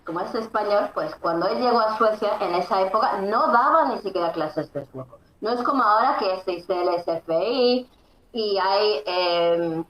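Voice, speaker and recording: A woman as an interview guest, explaining emphatically and often pausing on fillers. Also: medium pitch, a bit bright. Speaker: interview guest, Swedish teacher. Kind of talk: conversational explanation. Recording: echoey room, faint background noise.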